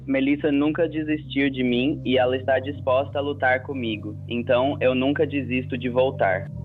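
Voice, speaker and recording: A man from Jamaica heard on speakerphone over a phone line, talking in an earnest, measured way in an interview. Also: mid-range voice, steady tone, faint music behind.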